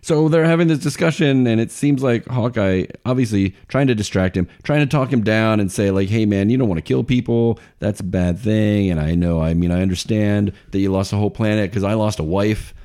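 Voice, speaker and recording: A man's voice: lowish voice, fairly quick, few pauses, dark tone. A man in his forties co-hosting a podcast in casual chat, joking and laughing often. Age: 40s. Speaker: podcast co-host.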